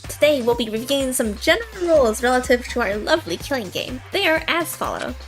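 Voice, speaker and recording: Woman putting on a gleeful, high-pitched taunting game announcer. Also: expressive, quick pace, soft background music. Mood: mock cheerful. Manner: theatrical announcer hype, taunting mock cheer. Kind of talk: fan visual novel read-aloud.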